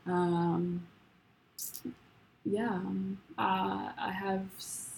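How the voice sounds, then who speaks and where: Poor audio with a little hiss or hum captures a young woman from Rwanda, a college student whose first language isn't English, chatting casually as a guest. Her gravelly voice is medium-pitched, slow and level, and she speaks softly and hesitantly, full of fillers and restarts.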